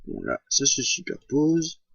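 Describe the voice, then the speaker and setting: Slow, hesitant man explaining software. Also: on the high side, wildly swooping pitch, gravelly, husky, dry recording, muffled recording. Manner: slow, hesitant, many fillers and self-corrections. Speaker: software tutorial presenter. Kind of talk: screen-recorded software tutorial.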